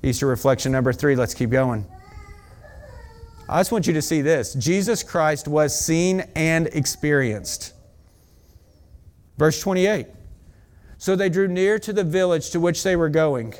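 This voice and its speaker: Excited man preaching a sermon. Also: fairly high pitch. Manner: excited, fast-talking preaching with asides to the congregation. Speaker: pastor. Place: church.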